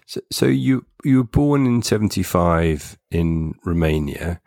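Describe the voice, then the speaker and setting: A man's voice: low voice, lively intonation, unhurried, vocal fry, a little mellow, no echo, studio quality. A man interviewing a guest, asking short probing questions.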